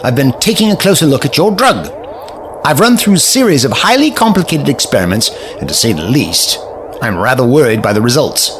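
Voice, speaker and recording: The Doctor, theatrical older man, acted, hugely animated. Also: medium pitch, background noise, close to an everyday voice. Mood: grave, lecturing. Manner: theatrical, brisk, teasing, expository. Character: eccentric, clever, amused older male time-traveller. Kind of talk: audio drama acting.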